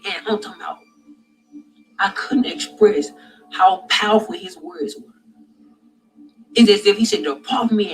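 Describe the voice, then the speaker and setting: A man telling a vivid religious dream in a halting, repetitive way that grows loud and intense. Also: sits high, rough recording. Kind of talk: personal dream testimony.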